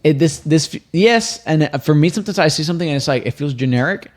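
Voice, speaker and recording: This podcast co-host, a Puerto Rican man whose first language is Spanish, has a voice on the high side. Emphatic and animated, he laughs readily during casual faith-based podcast chat.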